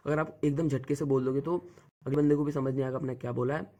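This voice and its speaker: A man's voice: mid-range voice, fairly even intonation, quick pace, mellow. A young man coaching viewers on group discussions in a casual, direct way, often repeating the same filler word. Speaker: exam coach giving tips. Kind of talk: casual spoken lesson.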